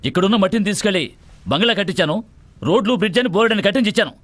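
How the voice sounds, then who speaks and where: An actor playing a smug, greedy contractor who mocks and defends himself, in dubbed film dialogue. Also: male voice, sits high, rapid-fire, fairly bright tone. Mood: indignant. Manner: mocking, defensive, sneering. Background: film score.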